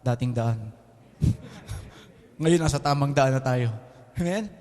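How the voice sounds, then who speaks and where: A young adult man with a Filipino accent preaching a lively, joking sermon as a pastor in an air-conditioned church hall, often asking the congregation "Amen?". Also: medium pitch, a little slow. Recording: long hall reverb in a church.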